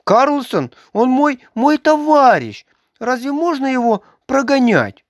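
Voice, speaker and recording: A woman's voice: high voice, very animated, slow pace, no echo, clean studio sound, pitched above the performer's own voice, full character voice. A woman voicing a small, anxious boy who pleads on the verge of tears in a read-aloud story. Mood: pleading. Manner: pleading, tearful.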